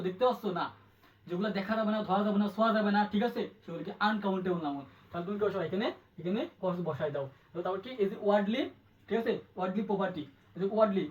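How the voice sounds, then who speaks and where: A high-voiced man rattles through an exam-prep grammar lesson at a brisk clip, quizzing his students over and over. He sounds a little distant from the mic, and the recording is dull. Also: darkish tone. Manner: quick, repetitive, asks the student questions. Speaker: English tutor.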